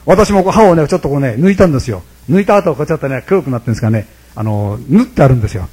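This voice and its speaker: Older guy in his 60s, temple priest, chatty joking sermon, talks fast, kept kinda quiet, bit husky. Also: mid-range voice, expressive. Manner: chatty and humorous, often addressing the audience directly. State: speaking quietly, holding his voice down. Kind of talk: conversational sermon to a congregation.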